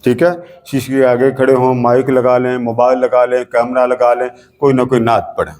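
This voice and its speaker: A man's voice: medium pitch, level tone, a little mellow. Pakistani man teaching devotional chant. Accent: Pakistani Urdu. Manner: sings slow drawn-out phrases, then explains in fast speech; addresses children as a coaxing teacher. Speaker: naat singing teacher. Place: school classroom.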